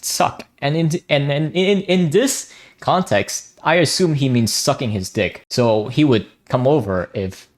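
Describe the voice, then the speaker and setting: Speaking a little slowly in a medium-pitched voice, a young native Vietnamese speaker from Vietnam gives blunt, casual commentary on online drama. A gaming commentary YouTuber, he swears freely and frequently starts his sentences over.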